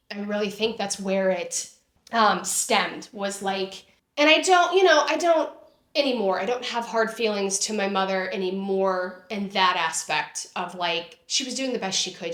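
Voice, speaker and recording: A woman in her thirties, an interview guest, talks candidly and from the heart about personal matters, filling her speech with "like" and the odd swear word. Her voice is medium-pitched with a fairly bright tone, and the recording has a roomy echo.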